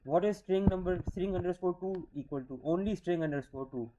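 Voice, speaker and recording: In a screen-recorded coding lecture, a man in his thirties with a high, steady voice teaches a programming class at a brisk pace over a noisy background. He explains things step by step and keeps checking in with "okay?".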